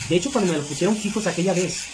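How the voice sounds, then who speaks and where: A man's voice: high-pitched, rapid-fire. A middle-aged man, hosting a video and explaining things casually to viewers. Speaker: video host. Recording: clear background noise.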